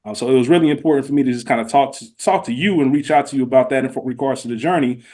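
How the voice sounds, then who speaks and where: A man co-hosts a podcast in casual, heartfelt conversation, talking earnestly in informal, slangy language and asking probing questions. His mid-range, darkish voice comes out rapid-fire.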